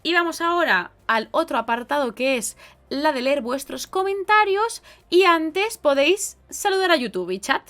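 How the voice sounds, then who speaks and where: A woman with a Spain Spanish accent hosting a casual live podcast, chatty and expressive as she reads out viewer comments. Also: high-pitched, normal speed. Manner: chatty and expressive, with lively exclamations. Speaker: podcast host and streamer.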